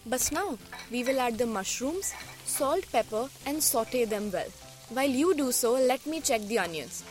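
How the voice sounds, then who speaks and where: A high-pitched woman with a North Indian accent co-hosts a cooking show. Her talk is scripted yet casual and expressive, flipping between Hindi and English, with light music underneath. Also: measured pace. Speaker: co-host of a cooking podcast.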